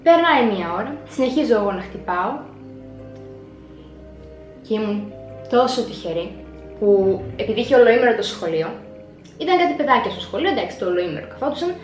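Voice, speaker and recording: A woman's voice: medium pitch, sing-song, pauses often. A young woman telling a personal story in a vlog, acting out her own past words with dramatic flair. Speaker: vlogger. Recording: echoey room with faint music.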